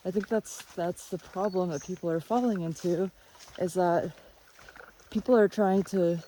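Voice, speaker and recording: Unhurried vlogger talking out in the jungle. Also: mid-range voice, dark tone. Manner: unhurried, musing, halting delivery. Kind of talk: casual walking vlog, thinking aloud. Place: outdoors in the jungle by a river. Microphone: phone on a selfie stick. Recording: outdoor phone audio with faint natural noise.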